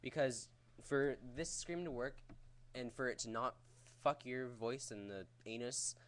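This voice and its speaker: A man's voice: mid-range voice, measured pace, slight background noise. A man giving a casual, rambling vocal technique tutorial in a crude, jokey, profane way. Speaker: vocal tutorial host teaching screaming technique.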